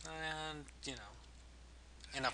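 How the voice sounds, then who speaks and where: A man's voice: fairly high pitch, very slow, noisy background. A man giving casual let's play commentary as host, with wry, amused understatement. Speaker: gaming video host.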